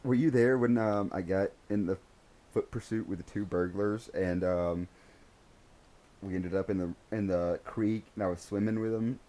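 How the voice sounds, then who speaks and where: A man's voice: on the low side, normal speed. A man and former police officer hosting a casual chat, telling stories with lots of energy and acting out other people's lines. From United States. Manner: animated storyteller, acts out voices in quotes.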